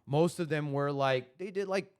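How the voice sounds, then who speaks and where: A man's voice: fairly high pitch, moderate pace, a little mellow, smooth. A man in his thirties hosting a casual podcast chat, rambling along with lots of "like" and "you know". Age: 30s. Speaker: podcast host.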